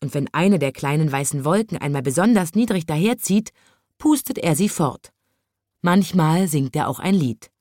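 Reading a children's story at normal speed, a woman speaks in a gentle, even manner, her voice sitting fairly low for a woman. She's recorded close-up and dry, without any echo.

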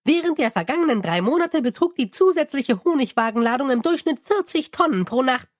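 A tiny, proud goblin clerk speaks in a squeaky, very high voice. He rattles off figures quickly and formally, like a pedantic bookkeeper in a storybook. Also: lively intonation, dry recording, studio quality. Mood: eager. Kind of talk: audiobook character voice.

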